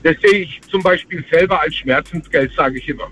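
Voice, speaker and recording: A man phones in to a radio show from the road for a casual chat, speaking hesitantly with lots of fillers. His voice is a little high, brisk, and fairly bright.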